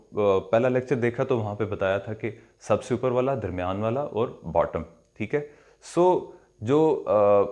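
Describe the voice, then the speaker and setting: A man's voice: on the low side, darkish tone. A man with a Pakistani accent teaching recitation pronunciation, explaining step by step, drawing out and repeating sounds and mixing in English words. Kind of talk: pronunciation lesson.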